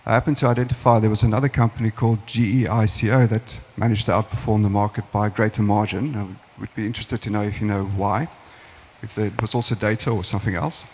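A man in the audience asking two questions at a conference in a formal, deliberate way. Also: on the low side, steady tone, darkish tone, slight background noise. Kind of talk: question from the floor. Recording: long hall reverb.

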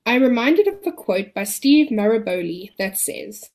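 Woman presenting a measured, scripted wellness podcast. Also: fairly high pitch, big pitch swings, a little mellow. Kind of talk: scripted informational narration with guided relaxation.

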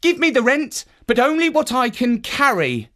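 A man's voice: extremely high pitch, big pitch swings, normal speed, bright, forceful tone, pitched above the performer's own voice, full character voice. A man reading a storybook aloud and voicing a fearless, polite young stable boy. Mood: bold. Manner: bold, eager, polite.

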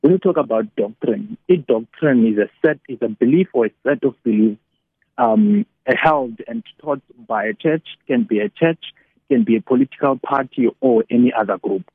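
A man with a South African Xhosa accent on a phone-like line, informally explaining religious teaching as a guest, halting and repeating phrases while switching between two languages. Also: mid-range voice, sing-song, vocal fry, husky, no room sound. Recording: narrow tinny phone-like line.

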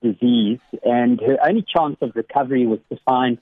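A man's voice: medium pitch, moderate pace, dry recording. A man, an academic, speaking as a regular guest on a radio devotional slot. He tells a story with many small restarts and laughs easily. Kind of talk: warm conversational devotional reflection. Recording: dry, phone-like radio line.

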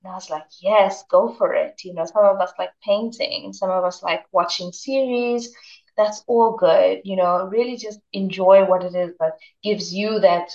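A woman self-care coach, a guest on a radio chat, talking in a gentle, reflective way and often saying "you know". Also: medium pitch, fairly even intonation, moderate pace. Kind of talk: casual radio interview chat. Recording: roomy, distant, dull remote line.

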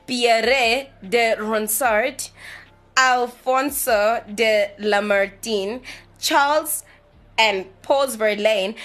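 A woman hosts a casual solo show in a playful, joking way. Her voice sits a little high. She teases herself between the poems she reads aloud. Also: fairly bright tone. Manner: playful, self-teasing, jokey asides. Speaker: podcast host.

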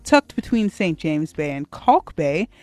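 A woman's voice: low-pitched, very animated, unhurried, mellow, no echo. A woman with a South African accent presenting a radio show in a chatty style. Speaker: radio host.

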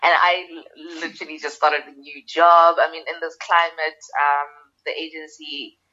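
A woman with a notably low voice speaks as an interview guest. She answers in a conversational way. The remote recording is somewhat dull and lo-fi. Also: flat delivery, normal speed, pushed and bright. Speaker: guest, social media manager. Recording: dull lo-fi remote call audio.

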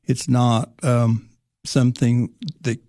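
A man from Tennessee, a guest on a podcast, explaining things in a measured way. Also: mid-range voice, level tone, dark tone, no echo, studio quality. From Tennessee, United States. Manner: measured, explanatory, with frequent fillers and restarts. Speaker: guest, prevention coalition leader. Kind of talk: conversational interview.

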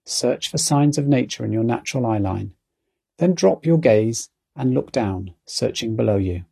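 Husky guy doing a calm guided mindfulness thing, soothing coach voice, bit of gravel in it. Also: medium pitch, normal speed.

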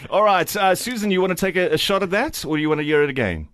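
Male South African breakfast host: higher-pitched, lively, jokey, chatty game show delivery. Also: fast, no echo. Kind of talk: casual live radio game show hosting.

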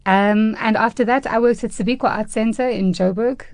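Female radio guest from South Africa, thoughtful, steady mid voice, dry close mic. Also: fairly high pitch, moderate pace, no room sound. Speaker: head of a theatre training space.

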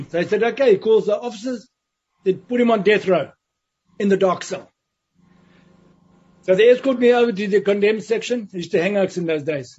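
A man's voice: high-pitched, a little mellow, slightly rough. A man recounting his time in prison as an interview guest, telling it vividly and acting out the voices of others. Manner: vivid storytelling, acts out quoted voices. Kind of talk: storytelling in an interview. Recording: dull lo-fi sound.

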